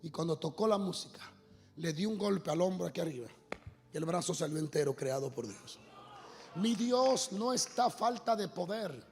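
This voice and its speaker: Gravelly high-voiced male preacher. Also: animated, moderate pace. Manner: builds to loud, sung shouting. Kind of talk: sermon. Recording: long hall reverb, faint music.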